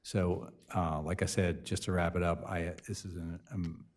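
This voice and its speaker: A committee member giving a casual, plainspoken update at a city meeting, with many uhs. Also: male voice, low-pitched, flat delivery, moderate pace, slight background noise.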